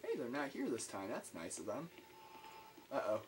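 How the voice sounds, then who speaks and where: A man doing gameplay commentary, joking and yelling in mock panic at the enemies. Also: medium pitch, huge pitch swings, normal speed, noisy background. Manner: jokey, panicky, yells at enemies. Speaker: let's play commentator.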